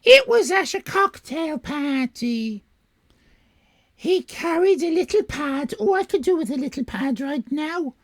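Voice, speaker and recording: A woman voicing a tearful, sobbing lady witness in a melodramatic read-aloud story, with a squawky, quavering high voice. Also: expressive, a little slow, dry recording. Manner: melodramatic, sobbing between phrases.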